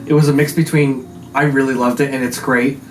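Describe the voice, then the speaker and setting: A man's voice: mid-range voice, flat delivery, fairly quick. A man co-hosting a casual film review conversation. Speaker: film review show co-host. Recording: echoey room, off-mic, faint noise.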